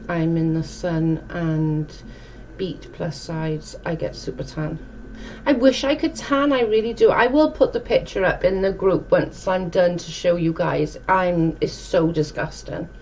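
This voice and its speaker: In a dim home room, a woman in her forties with a South Welsh accent chats with her livestream viewers and reads their comments aloud. Her lowish, slightly mellow voice moves a little slowly with fairly even intonation, captured in a muffled, noisy recording.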